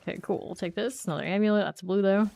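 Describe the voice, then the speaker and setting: A woman with a cold streams a game and chats casually to herself, weighing her choices aloud and questioning herself as she goes. She sounds congested and sniffly, and her medium-pitched voice is fast, gravelly, and mellow. There's no echo.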